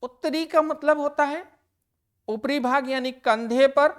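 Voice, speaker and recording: A woman teacher giving an exam-prep grammar lesson. She talks slowly and deliberately, repeating and stressing each answer word for her students. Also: high voice.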